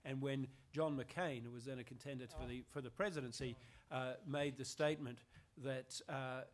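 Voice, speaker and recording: A man's voice: medium pitch, fairly even intonation, moderate pace. A man speaking as a journalist on a conference panel, emphatic and restarting his phrases. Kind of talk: panel discussion. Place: conference hall.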